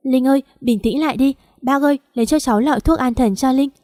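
A woman voicing a gentle, protective young man who speaks softly and reassuringly. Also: high-pitched, fast, voice pushed up, lightly acted. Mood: alarmed.

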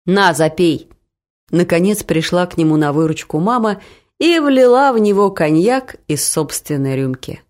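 A woman narrates a comic story in a lively, expressive reading. Her pitch rises and falls widely through the telling. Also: moderate pace. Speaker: audiobook reader.

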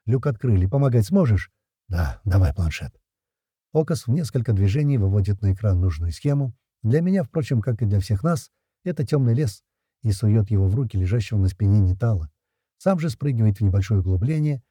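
Husky, dark-voiced male narrator. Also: lowish voice, lively intonation, brisk, dry recording, clean studio sound. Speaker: audiobook narrator. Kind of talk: first-person audiobook narration.

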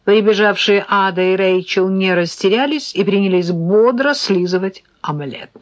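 A woman narrating an audiobook in an expressive, animated first-person reading. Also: medium pitch, moderate pace. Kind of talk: scripted narration.

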